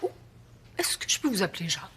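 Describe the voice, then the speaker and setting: An actress playing a fussy, precise middle-aged French teacher, over background music. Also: female voice, fast talker, pushed and bright, a little hiss or hum, close to an everyday voice. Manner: precise, correcting diction, insistent. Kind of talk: TV drama acting.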